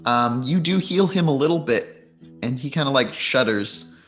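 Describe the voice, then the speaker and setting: A man narrating as game master of a tabletop game, in a measured, relaxed way with plenty of fillers. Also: medium pitch, faint music behind.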